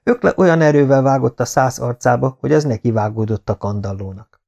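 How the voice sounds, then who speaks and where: Gravelly, dark-voiced male audiobook narrator. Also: medium pitch. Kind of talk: scripted narration.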